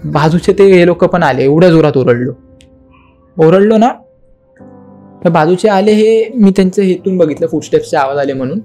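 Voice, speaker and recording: A young man with a fairly high voice tells a spooky story as a podcast guest. He retells it dramatically, acting out the voices and the knocking sounds, and slips English words into his speech. Soft music plays faintly behind him. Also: normal speed, pauses often.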